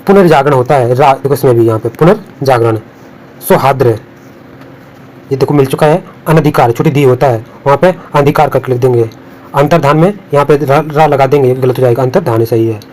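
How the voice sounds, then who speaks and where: A man's voice: mid-range voice, brisk, darkish tone, low-quality recording. A man teaching Hindi spelling for exams, repeating each word and warning what will be marked wrong. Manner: repetitive, drills words and warns of exam traps. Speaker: Hindi exam tutor. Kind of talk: spelling lesson over on-screen notes.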